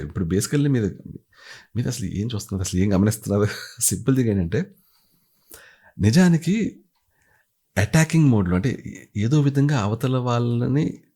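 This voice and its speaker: A man's voice: lowish voice, dark tone, slightly rough. A man giving a casual commentary review, retelling scenes animatedly and acting out the quotes. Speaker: show reviewer.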